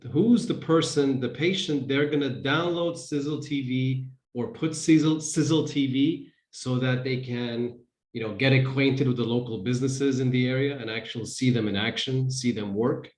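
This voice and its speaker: A man's voice: mid-range voice, moderate pace, darkish tone, roomy sound, rough recording. A man hosting a casual business interview over a video call, thinking aloud with restarts. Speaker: host.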